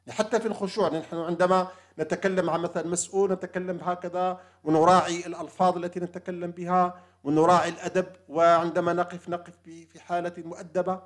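A religious lecturer speaks quickly about humility before God. His voice is a little high for a man and steady in tone, and his unscripted, earnest delivery includes frequent restarted phrases and filled pauses.

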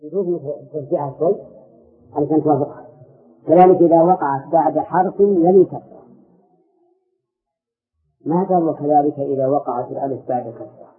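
A man's voice: fairly high pitch, a little fast, pauses often. A man teaching a classroom lesson on grammar, explaining verses and questioning his students as he goes. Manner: questions students and corrects them. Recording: tinny phone-like audio.

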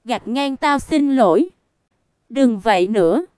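A woman voicing a young male master in a storybook, worried and gruff, talking bluntly to a servant girl. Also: on the high side, animated, slow, warm tone, no echo, clean studio sound. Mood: gentle. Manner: blunt, calls her "mày".

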